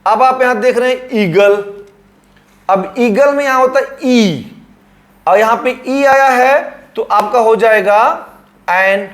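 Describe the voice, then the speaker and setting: A man's voice: extremely high pitch, slow. A male teacher explaining grammar at a board, repeating words and drawing them out.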